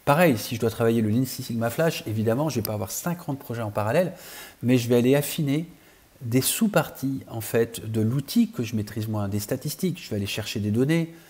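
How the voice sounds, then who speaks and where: A man teaching a training course with a mellow, warm tone and a slightly husky edge. He explains steadily, step by step, speaking straight to his learners the way a coach would. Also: mid-range voice, a little fast. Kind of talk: online training lesson.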